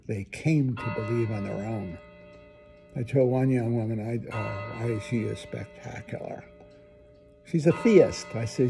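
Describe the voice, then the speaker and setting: A man's voice: mid-range voice, vocal fry, mellow. An older man, a priest, giving an earnest, emphatic spoken reflection in a conversational way with asides.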